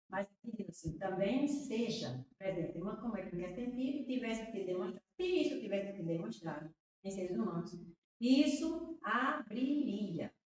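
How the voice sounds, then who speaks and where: This Brazilian teacher has a mid-range, darkish voice as she talks through exam answers, repeating words and checking in with "né?" or "tá vendo?". The recording is echoey, with her voice distant from the mic.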